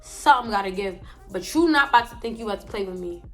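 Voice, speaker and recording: This is a young woman spinning a casual storytime from her bed at home, quick to slip into slangy, animated retellings of her own lines. Her pitch sits in an ordinary middle range. Soft music plays faintly behind her. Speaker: vlogger.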